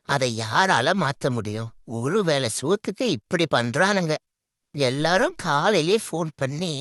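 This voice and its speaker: Male comic voice-over, playful and over the top, pitch swinging all over as he talks for the animals. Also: a bit bright, dry recording, clean studio sound. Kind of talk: comic dubbing of animal clips.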